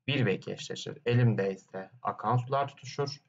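A man's voice: medium pitch, brisk, creaky. Man, teacher, exam question walkthrough, asks and answers his own questions, slightly muffled recording. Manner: explains step by step, asks himself questions and answers them; hums "dın dın dın" between points.

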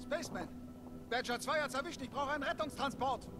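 Alarmed game soldier calling for help, urgent, buried under very loud music. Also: male voice, extremely high pitch, a little fast. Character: alarmed male soldier radioing for rescue. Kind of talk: dramatic military game acting, German dub.

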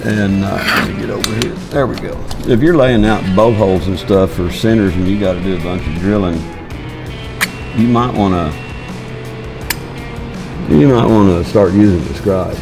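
A welding instructor in his fifties gives a hands-on demonstration in a large metal workshop, talking in a folksy, plainspoken way while he works and thinks out loud. His low voice is gravelly and moves at normal speed, with a music bed running beneath it.

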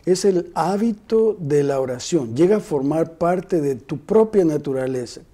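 A man in his sixties, a pastor hosting a devotional TV show, talking calmly and reflectively in a studio on a lapel mic. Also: a little high, measured pace. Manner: calm, reflective, paraphrases the guest. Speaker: pastor and TV host. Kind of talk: devotional TV interview. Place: TV studio set, indoors.

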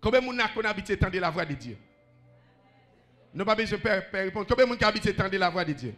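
A man's voice: sits high, animated, a little fast, a bit bright, soft background music. A man with a Haitian accent preaching a sermon, rhythmically calling out questions to the congregation.

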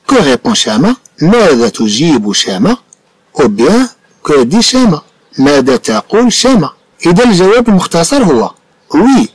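A man with a Moroccan accent teaching a French lesson, slowly repeating each French sentence and then explaining it in Arabic. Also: fairly high pitch, no room sound, rough recording.

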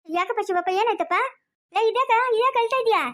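A woman's voice: extremely high pitch, fast talker, fairly bright tone. A woman playing a village woman of the house in a family skit, speaking with a rural Chikkaballapur Kannada accent. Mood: soothing.

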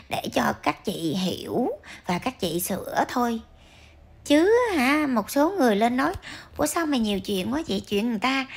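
A woman's voice: fairly high pitch, husky. A woman ranting to her viewers in a scolding, emphatic way, full of rhetorical questions. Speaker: vlogger commentator.

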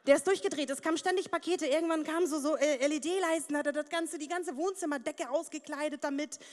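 A woman's voice: sits high, fast talker. A young woman performing a stand-up comedy set with crude, brash punchlines. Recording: long reverb of a studio hall.

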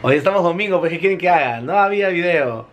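Young man, vlog host, joking banter, highish voice, loud background hiss. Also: lively intonation, fast. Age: young adult. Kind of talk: casual vlog chat. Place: small apartment indoors. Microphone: camera held at arm's length. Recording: home recording with loud background noise.

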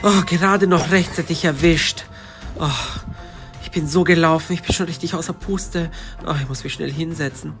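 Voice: medium pitch, steady tone, normal speed, a bit bright, soft background music, voice pushed down, lightly acted. A performer voicing an anxious young girl detective with asthma, talking breathlessly and stammering in a hurry. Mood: hurried. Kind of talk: storybook narration in first person.

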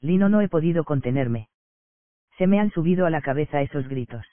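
Un hombre que interpreta a un preso urgido que se justifica tras un crimen, leído en un audiolibro de teatro. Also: male voice, a little high, lively intonation, fairly quick, no room sound, lightly acted. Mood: urgent. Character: male prisoner who just killed a traitor. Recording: dry, tinny phone-like sound.

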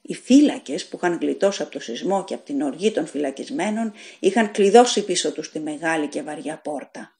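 A woman reads a short story aloud in a fairly low voice, taking a steady, deliberate pace. Her delivery is measured and dramatic, in the manner of a practiced audiobook narrator.

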